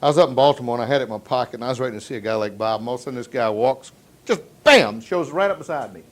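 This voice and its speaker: A man giving a motivational sales seminar to a live audience, telling stories and asking rhetorical questions, swinging from hushed tones to loud emphasis. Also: medium pitch, animated, very fast. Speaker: sales trainer.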